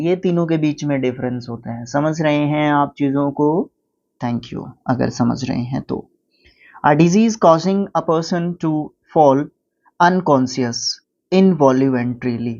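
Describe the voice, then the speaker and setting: A man with an Indian accent teaching a vocabulary lesson, explaining words and reading English definitions slowly. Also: a little high, dark tone, lo-fi sound.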